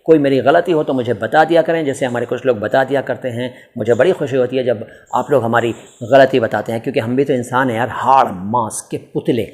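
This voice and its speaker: A man's voice: medium pitch, a little fast, hardly any pauses, darkish tone. A man from India hosting a casual question-and-answer lesson on word meanings. He talks in a chatty, teacherly way, quizzing himself and answering with playful asides. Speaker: language channel host answering viewer questions. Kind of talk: casual Q&A explainer.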